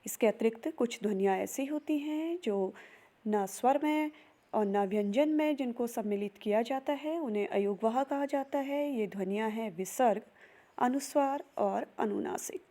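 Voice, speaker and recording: A woman's voice: a little high, normal speed, warm tone. A young woman giving a recorded grammar lesson, spelling out sounds one by one. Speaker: teacher.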